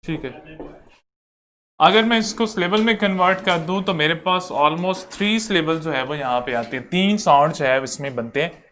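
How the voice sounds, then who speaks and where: Man teaching a slow, repetitive lesson. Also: a little high, a bit bright, a little hiss or hum. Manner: repetitive, explains slowly step by step. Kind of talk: online lecture.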